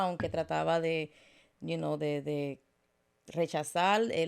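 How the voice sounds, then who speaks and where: A woman speaks as an interview guest, recounting her life earnestly. Her voice sits low and has a gravelly edge. She pauses and restarts often, dropping in fillers and small English asides. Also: a little mellow. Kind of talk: personal testimony in interview.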